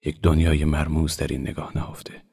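A man's voice: a bass voice, flat delivery, vocal fry, warm tone, husky, exaggerated voice. A man reading the lines of a shy, passionate male painter in a storybook, murmuring them breathily. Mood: tender.

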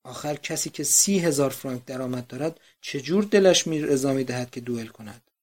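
A man's voice: mid-range voice, natural voice. A man voicing a coolly mocking convict. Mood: calm mocking. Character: cool, mocking middle-aged man, an escaped convict.

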